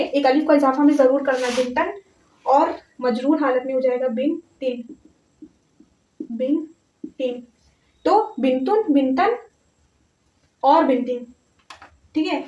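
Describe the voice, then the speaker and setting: A woman teaching a grammar lesson step by step, patient, repeating words slowly and often checking that her students follow. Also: high-pitched, dark tone. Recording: echoey, distant, slightly dull audio.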